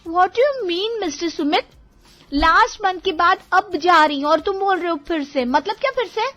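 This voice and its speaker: A woman's voice: very high voice, animated, normal speed, fairly bright tone, faint music behind. A woman voicing a bossy, dramatic young wife in a cartoon, sassy and demanding. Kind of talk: cartoon voice acting.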